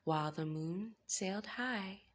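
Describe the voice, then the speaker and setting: Reading a picture book to young listeners, a storytime host speaks in a mid-range voice. She keeps her phrasing measured and gentle, adding playful emphasis.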